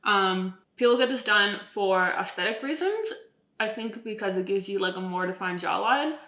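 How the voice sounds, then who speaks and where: A woman in her twenties, a vlogger, rambles casually to camera with stiff-mouthed speech, her lips swollen and numb as if from fresh filler. She's self-deprecating, says "like" a lot, and sounds mid-range, expressive, pushed and bright at a moderate pace. The room gives an echoey sound.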